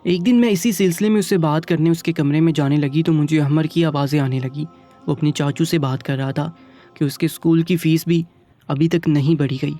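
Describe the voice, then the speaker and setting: Mellow-voiced man narrating a story. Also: a little high, steady tone, faint music behind. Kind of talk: first-person story narration.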